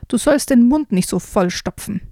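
A woman's voice: on the high side, lively intonation, normal speed, dark tone, dry recording, clean studio sound. Woman doing a bossy big-sister frog. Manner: scolding, bossy.

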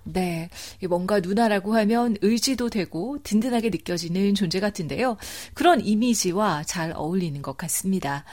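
A woman's voice: mid-range voice, moderate pace, few pauses, a little mellow. A woman hosting a program, reading scripted introductions and narration in a presenter's style. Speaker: program host.

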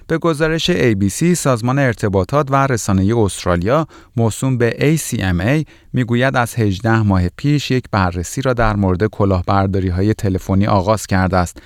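Casting: male news presenter, lower voice, scripted bulletin read in a very dry studio sound. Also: no room sound.

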